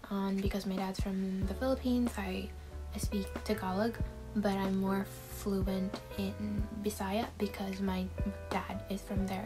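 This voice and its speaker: The audio is poor in this Q&A vlog, where a woman in her twenties from Taiwan talks to camera from her bedroom. She has a medium-pitched voice and chats casually, with lots of fillers and little laughs.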